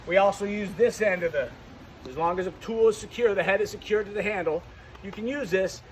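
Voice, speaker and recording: Speaking somewhat quickly in a high voice, a man leads a hands-on firefighting demonstration without a script, frequently restarting and repeating himself. The recording is rough, with a slight hiss or hum.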